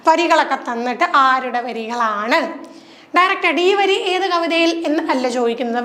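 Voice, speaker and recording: A woman from Kerala, speaking with a Kerala accent, coaches exam candidates. She explains in chatty Malayalam, asks rhetorical questions and reads the English answers out slowly. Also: high-pitched, fairly bright tone.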